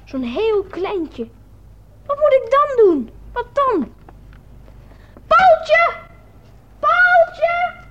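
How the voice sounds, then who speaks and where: A lonely little child pleads and insists in an earnest, chattering way, as a woman acts it out in a radio play. The voice sits very high and swoops through a lively range. Faint noise hums beneath it. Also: takes it slowly, muffled recording, full character voice. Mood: calling out. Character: lonely small child waiting for a friend.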